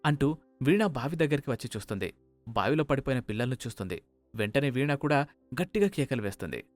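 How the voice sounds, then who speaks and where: A man narrating a scripted cartoon moral story in a steady, even manner. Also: medium pitch, fast, no echo, soft background music.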